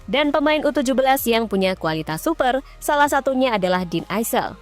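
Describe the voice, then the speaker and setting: A woman's voice: fairly high pitch, very animated, fairly quick. A woman narrating football news in a scripted read, dropping in casual slang asides. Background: faint background music.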